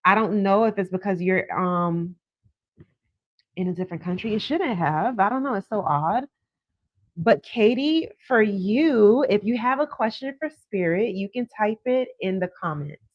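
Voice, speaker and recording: In a lo-fi, echo-free recording from a phone set on a desk, a woman gives psychic card readings on a live call-in stream. Her medium-pitched voice has lively intonation and a measured pace, and she chats casually, drawing out words for emphasis.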